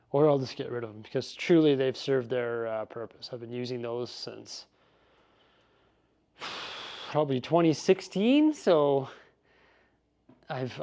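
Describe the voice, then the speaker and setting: A man's voice: mid-range voice, darkish tone. A man chatting casually and upbeat in a vlog as he tidies his garage and studio, rambling through asides. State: out of breath. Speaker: vlogger.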